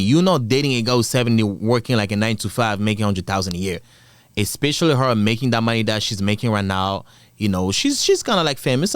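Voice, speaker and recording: A man's voice: mid-range voice, no echo, clean studio sound. A man hosting a drama channel, giving casual, blunt, slangy reaction commentary with repeated rhetorical questions.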